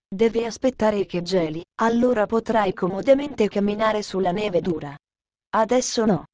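A woman voicing a stern but kind old mountain grandfather in a storybook reading, speaking firmly and slowly. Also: medium pitch, a crowd in the background, lightly acted.

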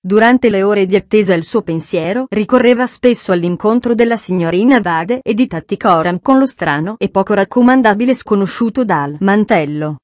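Woman reading a novel aloud, calm and measured, dry studio sound. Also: mid-range voice, dry recording. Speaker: narrator. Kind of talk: scripted audiobook narration.

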